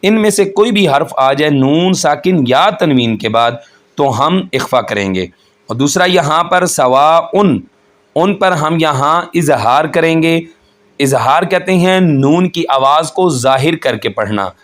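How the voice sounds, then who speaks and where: A man teaching Quran recitation rules, explaining each point slowly and patiently and chanting the verses in a melodic voice. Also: a little high, expressive. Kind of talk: tajweed lesson with chanted recitation.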